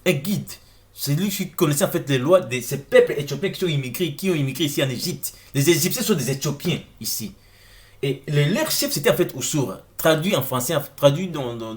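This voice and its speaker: Animated man explaining emphatically. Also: fairly high pitch, normal speed. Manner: emphatic, repeats words while searching for them; addresses viewers directly with rhetorical questions. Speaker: presenter of an online video lecture. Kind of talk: informal explanatory talk over on-screen text.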